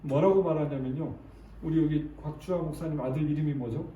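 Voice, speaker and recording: A man preaching in a church sanctuary, often asking the congregation questions and acting out heartfelt prayers. His voice sits a little high, with a mellow, dark tone. The recording is roomy and taken from a distance, with a faint hiss behind it. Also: a little fast, lo-fi sound. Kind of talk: sermon.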